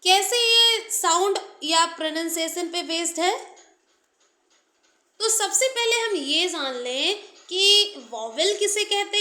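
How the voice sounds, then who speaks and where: A woman's voice: very high voice, sharp tone, reverberant. A woman teaching an English grammar lesson in Hindi and English, explaining step by step while she writes.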